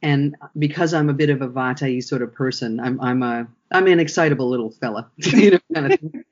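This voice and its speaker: A man, a workshop trainer, talking through his ideas in a relaxed interview, often restarting his sentences as he thinks. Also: mid-range voice, a little fast, muffled recording. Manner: reflective, thinks aloud with frequent restarts.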